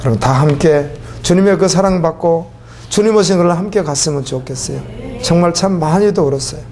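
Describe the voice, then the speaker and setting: A man's voice: fairly high pitch, fairly quick, darkish tone, a little hiss or hum. A man preaching a sermon as a pastor, emotional and pleading, his voice rising into fervent cries.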